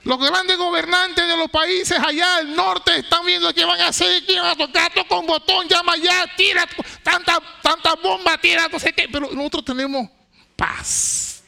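A man delivers a sermon in a very high, piercingly bright voice with a gravelly edge. He stresses his points emphatically, rising to loud declarations and then dropping to hushed, low phrases, and he often repeats words and restarts his sentences. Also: fairly even intonation, moderate pace, hardly any pauses. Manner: repetitive, stammering restarts. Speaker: preacher.

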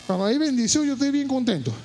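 A man preaching a sermon, moving from quiet storytelling to shouted, impassioned high points and repeating phrases for emphasis. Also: animated, quick pace. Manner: repeats words and phrases while telling a story.

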